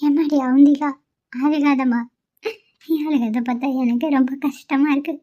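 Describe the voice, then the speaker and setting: A woman's voice: high-pitched, fairly even intonation, normal speed, close to an everyday voice. A woman voicing a caring, middle-aged mother-in-law in a cartoon, speaking in a motherly, chiding way. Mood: comforting. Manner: motherly, chiding, warm-hearted. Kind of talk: amateur cartoon voice acting. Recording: dull lo-fi sound.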